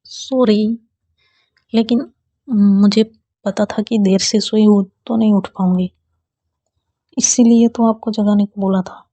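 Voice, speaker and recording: A woman's voice: medium pitch, steady tone, slow, long pauses, warm tone, dry recording. A woman voicing a sleepy young woman who keeps pleading for more rest in a storybook romance. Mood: apologetic.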